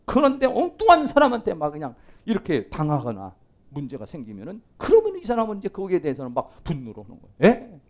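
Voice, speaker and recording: High-voiced, animated male pastor lecturing. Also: fast. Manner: animated and colloquial, acting out quoted voices, often laughing. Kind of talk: lively classroom lecture on healing counseling.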